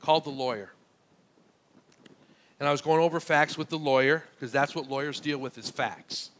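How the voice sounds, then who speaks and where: Bright-voiced pastor telling a story. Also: male voice, fairly high pitch, steady tone, moderate pace, slight background noise. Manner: conversational storytelling, recounting dialogue. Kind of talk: sermon. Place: church.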